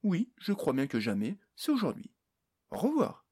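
A male narrator voicing a calm, clever female sorceress in a storybook reading. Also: on the high side, moderate pace, breathy edge, pitched above the performer's own voice, exaggerated voice. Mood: calm, assured.

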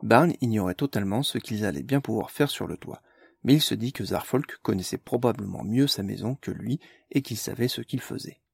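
Gravelly male audiobook narrator. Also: fairly low pitch, fairly quick, dry recording, clean studio sound.

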